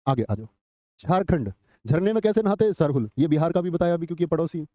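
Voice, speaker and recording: A man's voice: fairly high pitch, animated, quick pace, warm tone, no room sound. A male teacher giving a live online exam class, drilling memory tricks, calling students brother and scolding them with a joke. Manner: scolding then joking, calls students brother. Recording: dull lo-fi dry sound.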